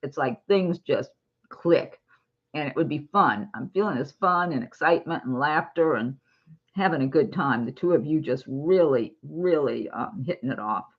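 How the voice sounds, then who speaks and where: Husky lady doing a chatty tarot reading, kinda muffled lo-fi sound. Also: deep voice, lively intonation, moderate pace. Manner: chatty, giggly, warm reassurance. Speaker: tarot reader. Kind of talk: casual tarot reading monologue.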